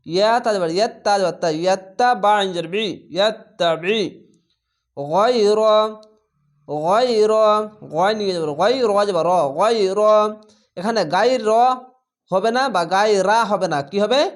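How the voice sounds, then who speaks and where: A man teaching Quran reading step by step. He spells out each letter and vowel slowly, then blends them into the word. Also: high-pitched. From Bangladesh. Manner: drawn-out chanting on Arabic words.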